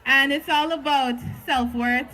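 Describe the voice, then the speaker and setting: A woman's voice: sits high, steady tone, a little slow, sharp tone, poor audio. A woman in her twenties performing spoken word poetry on stage at a live venue, with a rhythmic, emphatic delivery. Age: 20s.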